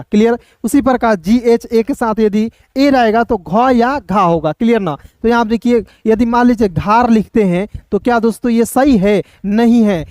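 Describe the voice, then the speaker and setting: A man's voice: very high-pitched, a little mellow, dry recording, clean studio sound. A man teaching a beginner language lesson, patiently spelling words out letter by letter, checking often that listeners follow and cheering them on like friends.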